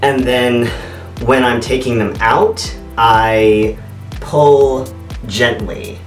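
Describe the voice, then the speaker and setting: Man, casual vlog review, halting conversational delivery, echoey room, distant from the mic, mid pitch. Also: steady tone. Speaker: video reviewer. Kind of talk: casual product review to camera. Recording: echoey bare apartment, distant mic, faint music.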